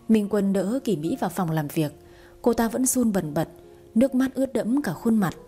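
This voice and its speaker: A woman calmly narrating a romance story, reading it aloud. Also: mid-range voice.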